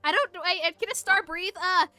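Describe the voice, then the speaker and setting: A woman streams a game while chatting casually, playful and easily flustered, stammering through her banter as music plays behind her. Her voice is extremely high, brisk and sharp, with no echo.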